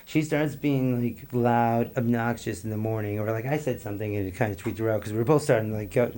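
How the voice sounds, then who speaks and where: A man's voice: mid-range voice, fast, dark tone. A middle-aged man, a guest on a podcast, telling a long story in a rambling, profane way and laughing between lines. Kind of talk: casual storytelling.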